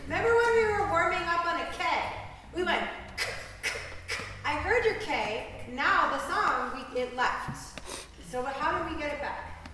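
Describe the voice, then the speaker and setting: A woman's voice: extremely high pitch, animated, normal speed, distant mic, background noise. Woman coaching singers in an echoey hall. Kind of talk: choir rehearsal instruction. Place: large echoey rehearsal room.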